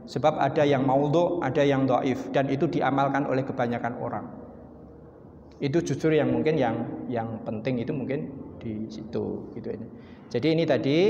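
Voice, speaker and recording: A man with a Javanese accent preaching at an evening study gathering, animated, acting out speakers, swinging from low murmurs to loud exclamations. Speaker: Islamic preacher. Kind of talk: mosque study sermon. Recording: dull, roomy hall recording with faint noise.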